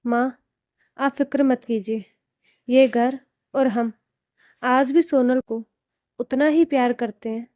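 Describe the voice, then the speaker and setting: A gentle, loyal young husband, as a woman reads him, speaking reassuringly. The voice stays high and slow with a dark, mellow tone. This is a storybook reading. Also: fairly even intonation, dry recording.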